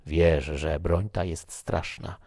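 A man voicing a grave, fatalistic soldier, speaking in a slow, solemn, measured way. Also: extremely low pitch, fairly even intonation, a little mellow, no echo, clean studio sound, full character voice. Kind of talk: audiobook character reading.

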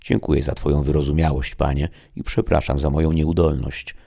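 A man's voice: extremely low pitch, flat delivery, a little fast, vocal fry, dark tone, husky, full character voice. A man voicing a panicky male lizardfolk chief in an audiobook, with a thin, shrieking voice. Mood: fearful. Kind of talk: audiobook character voice.

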